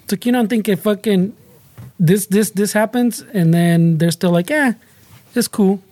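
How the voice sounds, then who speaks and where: A man's voice: high-pitched, moderate pace, mellow, dry recording. A man with a Mexican American accent chatting casually in a podcast, swearing, repeating words and slipping Spanish slang into his English.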